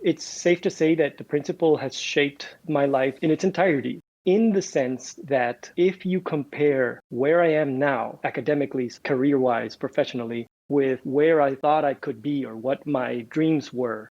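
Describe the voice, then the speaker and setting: A man's voice: mid-range voice, moderate pace, few pauses, a little mellow. A man in his thirties from Honduras, a physics professor, speaking as a guest in a thoughtful, explanatory way. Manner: thoughtful, explanatory, with some restarts. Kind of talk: casual interview talk. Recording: dull, lo-fi remote audio.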